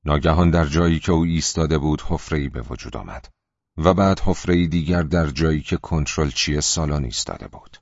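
A man with an extremely deep voice reads an audiobook in a measured, steady way. The recording is dry with no room sound, and slightly dull and lo-fi in tone. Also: no echo. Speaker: audiobook narrator. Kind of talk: scripted audiobook narration.

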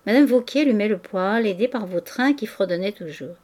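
A woman reads a classic novel aloud in scripted audiobook narration. Her delivery is measured and clear, at a middle pitch. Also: lively intonation, darkish tone.

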